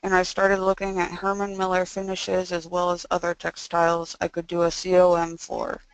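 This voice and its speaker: A woman's voice: lowish voice, monotone, normal speed, clean tone, no echo. A young woman giving an informal class presentation, her speech constricted and muffled as if her jaw were wired shut. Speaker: student presenting design coursework.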